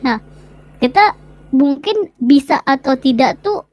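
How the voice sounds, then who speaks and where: High-pitched woman, earnest, stumbling delivery, roleplay voice chat. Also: lively intonation, takes it slowly, a little mellow. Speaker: roleplay player.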